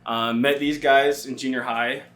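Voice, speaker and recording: A young man from Utah talks as a guest on a podcast, at an average pitch. He is friendly and easygoing and chuckles often. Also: little pitch movement, a little slow, a bit bright. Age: young adult. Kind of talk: casual chat.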